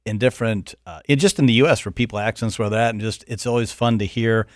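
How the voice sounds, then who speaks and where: A man's voice: on the low side, quick pace, no room sound, clean studio sound. A man hosting a podcast interview, chatty and joking, asking long rambling questions. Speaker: podcast host. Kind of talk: casual interview chat.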